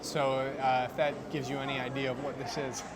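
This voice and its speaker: Over clear music, park sounds and a crowd, a man reviews food informally like a vlogger, working out his opinions aloud at an outdoor theme park. His voice is medium in pitch, barely moves up or down, and moves at a brisk clip.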